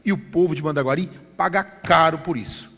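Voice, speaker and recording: A man's voice: a little high, fairly quick, gravelly, bright, forceful tone. A man with a Brazilian accent from Paraná, the council president making an insistent, repetitive formal statement. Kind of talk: formal public-hearing speech. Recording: reverberant council chamber PA.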